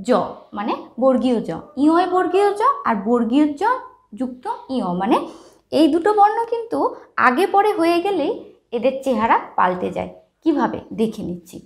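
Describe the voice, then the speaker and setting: This woman's voice is high yet gravelly with a darkish tone. She teaches writing and pronunciation step by step, pausing often to check with the listener.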